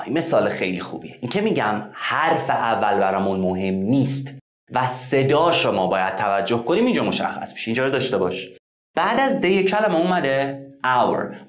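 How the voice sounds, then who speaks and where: A man whose first language is Persian, teaching an English lesson online in a lively way, asking himself questions and slowing down to spell out sounds. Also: mid-range voice, reverberant. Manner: lively, asks and answers his own questions; slows down to spell out example sounds.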